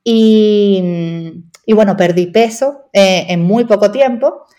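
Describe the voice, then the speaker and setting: Speaking slowly in a mellow, mid-range voice, a young woman from Venezuela with a Venezuelan Spanish accent is interviewed casually on a podcast. She is a nutritionist who peppers what she says with tag questions.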